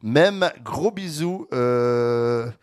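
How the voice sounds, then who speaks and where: A man's voice: medium pitch, lively intonation, extremely slow. A man hosting a live radio show from the studio, upbeat as he presents and reads out listener messages. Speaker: radio host.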